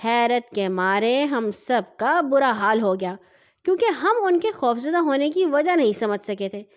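High-voiced woman reading a children's story. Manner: expressive, acts out every character. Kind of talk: children's audio story narration.

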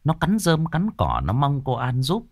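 A man's voice: medium pitch, huge pitch swings, normal speed, vocal fry, dry recording, studio quality. A man narrating a ghost story expressively and dramatically.

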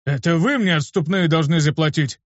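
A man's voice: fairly high pitch, brisk, no room sound, highs cut off, pitched above the performer's own voice, lightly acted. A man voicing an angry young male street thug who talks rudely and hotly, in an audiobook reading. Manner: shouting angrily, rude.

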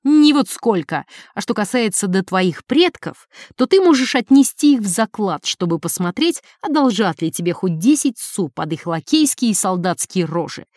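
A woman reading as a furious rich wife who scolds her husband in a shrill, scolding voice. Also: expressive, moderate pace, a little mellow, dry recording, clean studio sound, natural voice. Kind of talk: audiobook character reading.

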